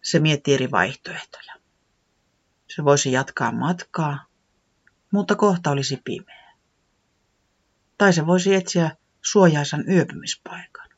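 A storyteller narrating a children's story in a gentle, expressive way, sometimes dropping to a whisper. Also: mid-range voice, long pauses, slightly rough, lo-fi sound.

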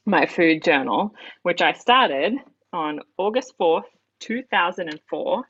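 An Australian-accented host reminiscing with an old friend in easy, playful chat. The talk is full of restarts and gentle teasing. The recording sounds dull and lo-fi, and the voice sits at a middle pitch. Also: animated, takes it slowly, breathy edge. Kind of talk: casual chat.

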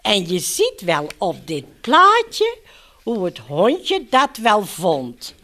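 A woman's voice: mid-range voice, very slow. A woman reading a picture book aloud to children and talking to them directly as she turns the pages. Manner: animated, addresses children directly. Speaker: children's story reader.

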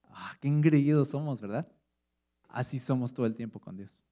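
A man's voice: medium pitch, normal speed, warm tone. A middle-aged man with a Mexican Spanish accent, preaching a sermon as pastor in a conversational way, asking the audience rhetorical questions.

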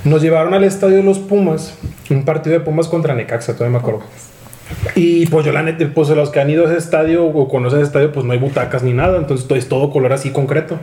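A young man speaks quickly in a slightly raised voice. His slangy, laid-back storytelling rings in an echoey room. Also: a little high, warm tone. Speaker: podcast co-host. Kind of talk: casual storytelling among friends.

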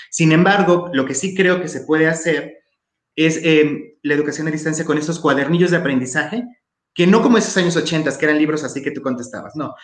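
Recorded in an echoey room, a fairly high-voiced man with a Mexican accent speaks as an education guest. He offers strong opinions in interview form, stressing and repeating his main phrases.

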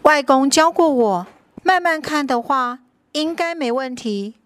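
A little girl from a storybook, acted by a woman, high-pitched and slow, pleading in a tearful, earnest way. She speaks with childlike simplicity, as in a picture book read to small children. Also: lively intonation, no room sound. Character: tearful young girl searching for a book's ending.

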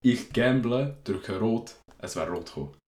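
A man's voice: medium pitch, expressive, unhurried, darkish tone. A young man with a Swiss German accent, telling stories in a slangy, rambling way as a podcast host in casual chat. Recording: echoey room.

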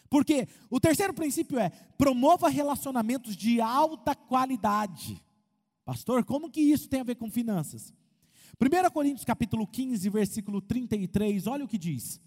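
A Brazilian man preaching as a pastor, animated, asking the crowd questions and acting out quotes. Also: very high voice. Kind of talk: lively sermon with humor. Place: church hall. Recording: long hall reverb.

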